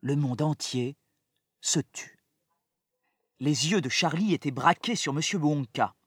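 A man reads a children's novel aloud with lively, dramatic expression. His voice is somewhat high and husky, swinging widely in pitch as the story unfolds. The recording is close and dry. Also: unhurried, dry recording. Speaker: narrator. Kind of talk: expressive audiobook narration.

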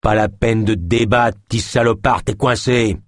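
Guy playing a burly young street thug, cocky and taunting, husky voice. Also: lowish voice, steady tone, moderate pace, dry recording, clean studio sound, natural voice. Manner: taunting, swaggering.

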